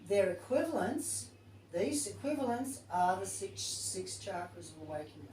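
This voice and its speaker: A woman's voice: medium pitch, sing-song, normal speed, mellow, slight background noise. Woman, yoga teacher trainer, chatty and informal, recorded from a distance, roomy echo. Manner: chatty, informal, thinks aloud while reading. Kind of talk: casual group class talk. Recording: distant, echoey room recording.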